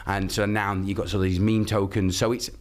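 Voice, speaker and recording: A man hosting a podcast interview who fills his questions with "sort of" and "obviously" and keeps agreeing in quick replies. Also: lowish voice, level tone. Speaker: podcast host. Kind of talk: casual interview.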